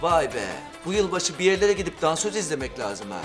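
A man's voice: a little high, sing-song, brisk, music in the background. An actor playing a cheeky man who ogles and teases his wife in sitcom banter. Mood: teasing. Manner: teasing, gawking banter. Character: cheeky middle-aged man, girl-watching and teasing. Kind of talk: sitcom comedy acting.

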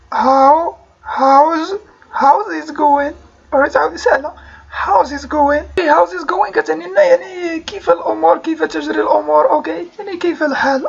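Gravelly high Moroccan woman teaching. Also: dull audio. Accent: Moroccan Arabic. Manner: slowly repeats English phrases many times, with frequent "okay" and "alright". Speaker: English teacher. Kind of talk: language lesson video.

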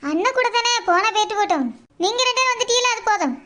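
A woman voicing a calm, comforting village mother with a Tirunelveli Tamil accent. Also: very high voice, rapid-fire. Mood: reassuring. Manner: soothing, reassuring. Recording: loud hiss behind voice.

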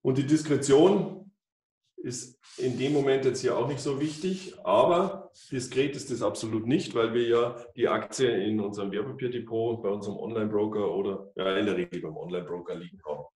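A man's voice: lowish voice, a little fast, a little mellow. Man explaining at a whiteboard, echoey. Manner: explanatory, many fillers and restarts. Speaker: financial advisor. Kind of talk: whiteboard presentation. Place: office room with whiteboard. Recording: echoey office, mic far off.

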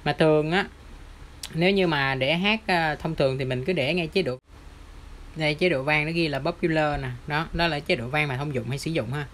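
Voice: medium pitch, moderate pace, fairly bright tone, a little hiss or hum. An audio shop presenter with a Southern Vietnamese accent, walking viewers through a device demo step by step in a chatty, pointing manner. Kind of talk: product demo tutorial.

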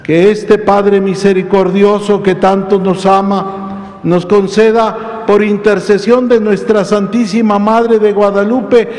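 A priest speaks in a high, solemn voice, drawing each phrase out slowly as he preaches and prays. His words ring through a large church with a long, lingering reverb. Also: little pitch movement, a little mellow. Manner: slow, solemn, measured phrasing. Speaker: priest celebrating Mass. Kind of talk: homily and liturgical prayer.

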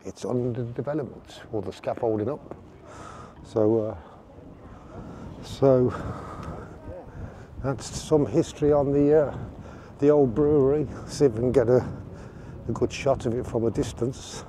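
A man giving a casual outdoor walking tour, relaxed and rambling with fillers. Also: medium pitch, a little slow, long pauses, a little hiss or hum. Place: outdoors on town streets.

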